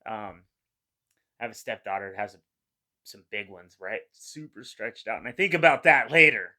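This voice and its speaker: A man's voice: fairly low pitch, animated, normal speed, bright, forceful tone. A middle-aged man giving casual, rambling reaction commentary in a laid-back, slangy way. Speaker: reaction video host.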